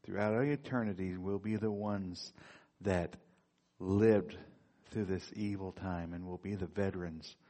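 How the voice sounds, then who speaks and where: A man's voice: sits low, fairly even intonation, a little slow, warm tone. A man leading a church Bible study, speaking heartfelt about heaven, with casual fillers. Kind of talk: church talk and reflection.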